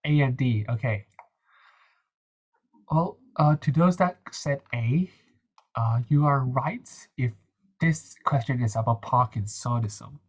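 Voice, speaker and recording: A young man with a nasal, slightly husky voice talks through quiz answers. His delivery is casual and hesitant, full of little fillers and restarts. He sounds like a student tutor running a relaxed revision session. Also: medium pitch, takes it slowly, long pauses. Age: young adult. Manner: chatty, hesitant, many fillers.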